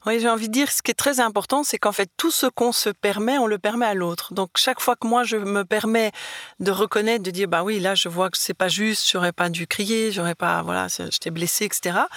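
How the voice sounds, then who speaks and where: A woman's voice: mid-range voice, fairly bright tone, dry recording. A middle-aged woman answering interview questions in a storytelling way, with many small fillers. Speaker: guest, nonviolence trainer.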